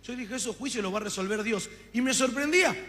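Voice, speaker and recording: A man with an Argentine accent preaches his testimony to a congregation with fervor, acting out the dialogue as he tells his story. His voice is very high, quick and fairly bright, echoing with the long reverb of a hall.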